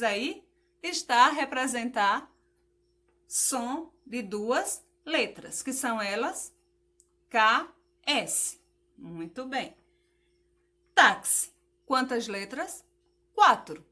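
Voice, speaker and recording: A woman's voice: a little high, sharp tone. A woman teacher giving a patient phonics lesson to children, spelling out letters, asking questions and praising the answers.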